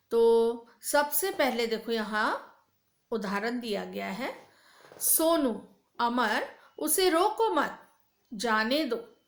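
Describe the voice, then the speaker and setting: A woman's voice: a little high, echoey room. A woman teacher explaining a lesson to children in a patient, repetitive way. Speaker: school teacher.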